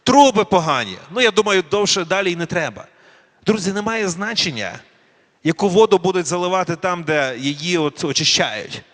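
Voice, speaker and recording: A man giving a sermon. He speaks slowly and deliberately and puts questions to the audience. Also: sits high, lively intonation, fairly bright tone. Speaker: preacher. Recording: long reverb of a hall.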